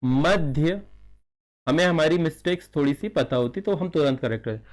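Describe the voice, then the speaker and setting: Teaching a chemistry class in an animated, slightly high voice, a man asks questions only to answer them himself. He dictates slowly while writing, repeating key terms and mixing in English phrases.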